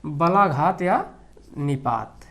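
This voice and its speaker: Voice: mid-range voice, animated, very slow, fairly bright tone. A Hindi exam-prep teacher lecturing on grammar questions, who repeats key phrases and asks the class rhetorical questions.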